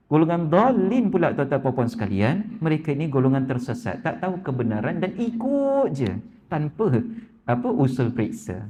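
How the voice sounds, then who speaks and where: Speaking with a Malaysian Malay accent in a neighbourhood mosque prayer hall, a man gives an evening religious talk in Malay. He keeps addressing the congregation and acts out quoted voices at a higher pitch. His tone is dark, the highs are cut off, and there is a little hiss or hum.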